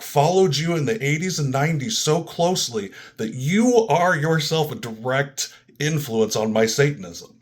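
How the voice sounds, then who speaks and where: American male interview guest, medium pitch, earnest and polite, conversational.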